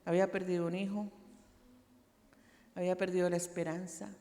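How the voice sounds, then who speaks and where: A woman's voice: fairly low pitch, little pitch movement, fairly quick, dark tone. A woman pastor preaching a personal testimony sermon, telling her story dramatically with repeated phrases. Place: large church hall. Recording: reverberant church hall.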